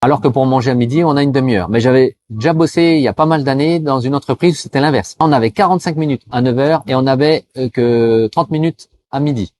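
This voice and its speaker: French guy vlogging, chatty and loose, lots of euh, medium pitch, slows down for pronunciation. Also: a little mellow. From France. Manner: chatty, addresses viewer as tu, frequent euh fillers. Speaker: vlogger giving advice to cross-border workers. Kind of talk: casual explanatory talk with mini language lesson.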